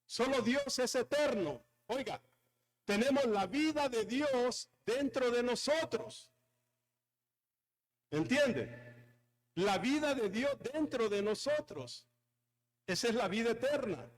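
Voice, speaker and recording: Male pastor, high voice, emphatic sermon delivery that calls on the room. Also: lively intonation, slow pace, pauses often. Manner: emphatic preaching with repetition and calls to the congregation.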